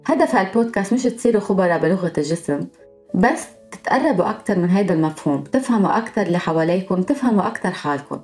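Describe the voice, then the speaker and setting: A woman's voice: mid-range voice, animated, racing, darkish tone, faint music behind. A woman with a Lebanese accent hosting a podcast, explaining her topic in a scripted monologue and going through examples one by one. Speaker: podcast host.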